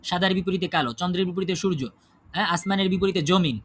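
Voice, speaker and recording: A man teaches a class with a high-pitched voice. He asks the students questions and answers them himself. He keeps checking whether they follow him. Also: fast talker, fairly bright tone, a little hiss or hum. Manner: checks understanding with frequent tag questions. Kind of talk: classroom lesson on Quran recitation rules.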